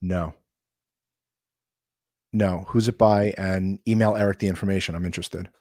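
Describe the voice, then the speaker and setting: A man with a fairly low voice talks in a relaxed, rambling way as a co-host on a live stream. His sound keeps cutting in and out over a patchy online call, dropping away and coming back. The audio is dry, with no room echo. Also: normal speed. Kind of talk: casual live-stream chat.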